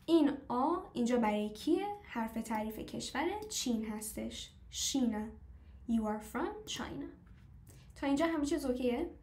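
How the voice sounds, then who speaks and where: Female teacher, slightly high voice, patient stepwise explainer who quizzes her class; echoey room. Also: expressive, darkish tone, a little hiss or hum. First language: Persian. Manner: explains step by step, asks the class questions; slows down to model foreign phrases. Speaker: language teacher. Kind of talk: live online class.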